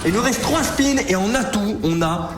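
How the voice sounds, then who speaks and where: A man giving excited livestream commentary as he plays slots. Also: high-pitched, moderate pace. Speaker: gambling streamer. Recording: roomy echo, faint music behind.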